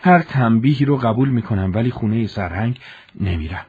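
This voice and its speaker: A man's voice: medium pitch, lively intonation, breathy edge, dull audio. A man voicing a young village conscript who speaks earnestly and firmly. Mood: resolute. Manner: earnest, resolute. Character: young village soldier, firm and principled.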